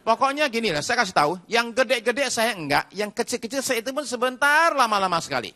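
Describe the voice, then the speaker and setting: A man preaching a sermon testimony to a congregation in church. He swings dramatically between loud emphatic peaks and hushed low passages, repeating words for effect. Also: very animated, fast. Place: church service before a congregation.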